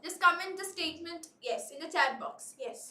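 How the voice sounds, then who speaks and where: A woman's voice: extremely high pitch, very slow, bright, forceful tone, recorded from a distance. A woman teacher, running a live online class and coaxing students with repeated prompts. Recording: echoey room.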